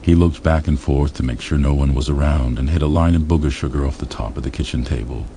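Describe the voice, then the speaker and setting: A man reading a crude comedy story aloud in a deadpan, matter-of-fact way. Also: extremely low pitch, fast talker, noisy background. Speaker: audiobook narrator.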